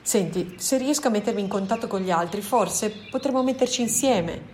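Anxious insistent man, read by a woman, pleading questions, mid-pitched, light birdsong behind. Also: a little fast, darkish tone, slight background noise, natural voice.

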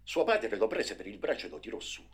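A man reading a story aloud in an expressive, dramatic way, sometimes dropping to a hush. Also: lowish voice, brisk, slightly rough. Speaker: narrator. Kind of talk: storybook narration.

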